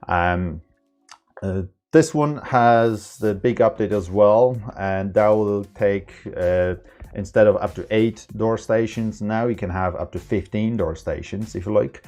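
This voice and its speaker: A man gives an informal, unscripted tech tutorial, explaining haltingly with non-native phrasing. His voice is lowish and a little mellow.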